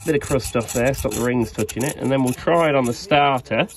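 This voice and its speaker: Caught on a nearby camera, a young mechanic in his twenties works on an engine outdoors at night next to an old digger. He speaks at a medium pitch and a fairly quick pace, chatting cheekily and musing aloud in casual workshop narration.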